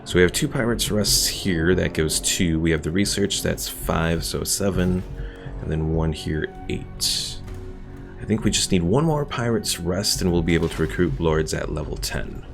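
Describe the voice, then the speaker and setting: With a low, gravelly voice at a moderate pace, a young man casually commentates while streaming a strategy game. He thinks aloud and explains the mechanics during play, and game music runs in the background.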